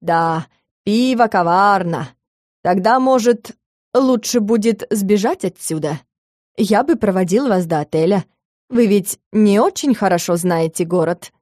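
A pushy, self-satisfied businessman drawls his lines slowly and oilily, as a woman reading an audiobook lowers her voice a little for him. The tone is dark and mellow, and the recording is close and dry. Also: expressive, dry recording, close to an everyday voice. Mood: smug. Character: smug, pushy, slimy male business partner.

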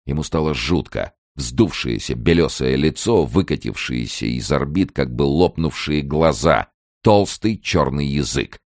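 A man reading a novel aloud as an audiobook narrator, with measured, grave storytelling. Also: very deep voice, lively intonation, a little mellow, no echo, clean studio sound.

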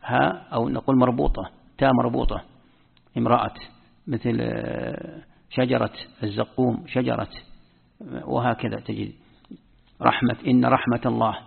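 A man's voice: medium pitch, fairly even intonation, moderate pace, gravelly, long pauses, slightly rough. A man giving a patient spoken lesson as an Islamic scholar, repeating key words as he explains. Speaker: Islamic scholar teaching Quran script rules. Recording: tinny phone-like audio in a reverberant hall.

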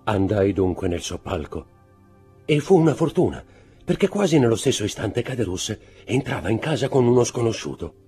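A man giving expressive, theatrical audiobook narration in a measured way. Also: on the low side, husky, faint music behind. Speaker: audiobook reader.

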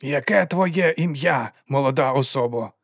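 A man's voice: medium pitch, measured pace, no room sound, clean studio sound. A man voicing a curt, demanding male official. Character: cold commanding male auditor in grey.

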